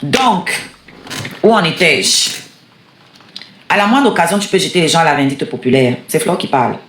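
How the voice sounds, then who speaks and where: A woman's voice: sits low, normal speed, echoey room, slight background noise. A woman host, commenting on a replayed live and plugging products, crying out often. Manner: exclamatory, animated, cries out often. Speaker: show host.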